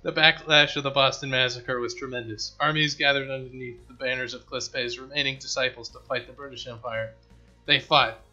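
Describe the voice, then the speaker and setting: Wise cyber dwarf explaining stuff read by a guy, bright voice, quiet music underneath. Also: medium pitch, fairly even intonation, moderate pace, dull audio. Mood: calm. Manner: formal, explaining. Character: wise, formal male cyborg dwarf companion. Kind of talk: reading game dialogue aloud.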